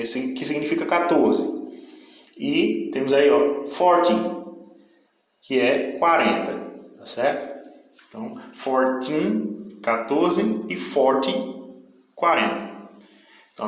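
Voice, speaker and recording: A man teaching an English lesson in a chatty way, often checking in with his students. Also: on the high side. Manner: chatty, peppered with tag questions. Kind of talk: casual video lesson. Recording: echoey room.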